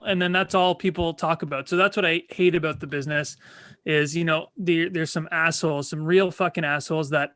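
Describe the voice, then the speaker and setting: A man's voice: on the high side, fairly bright tone, no room sound, studio quality. A man in his twenties, a podcast guest, talking bluntly and swearing freely in casual chat. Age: 20s. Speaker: guest, real estate agent.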